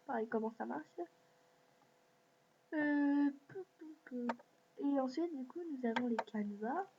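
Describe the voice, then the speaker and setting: A woman's voice: high-pitched, measured pace. A woman hosting a screen-recorded app walkthrough, talking in a hesitant way with many fillers. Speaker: video host. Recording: dull lo-fi mic with faint hiss.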